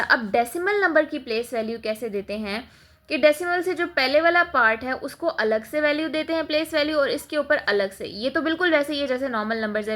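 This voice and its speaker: A woman's voice: sits high, fairly bright tone. A woman math teacher, explaining a lesson step by step in a patient classroom manner, mixing English terms in. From Pakistan.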